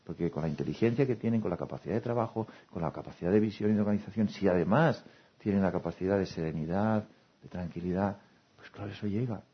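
A man giving a gentle talk as a meditation teacher, then guiding a meditation. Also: sits low, fast, slightly rough, dull audio. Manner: gentle, acts out everyday voices with laughter.

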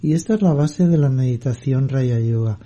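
A man giving a reflective spiritual talk as a meditation teacher, speaking in a calm, measured, thoughtful way. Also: medium pitch.

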